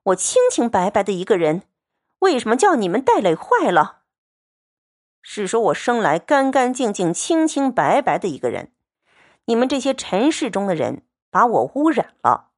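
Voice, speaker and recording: A woman's voice: mid-range voice, very animated, moderate pace, a little mellow. A woman voicing a cold, aloof young noble girl who speaks with scorn. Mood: cold scornful. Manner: scornful, lecturing.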